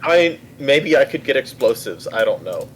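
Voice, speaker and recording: A man's voice: medium pitch, lively intonation, moderate pace, a little hiss or hum, low-quality recording. A man playing a tabletop game, chatting casually, hesitant at times but playful. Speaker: player.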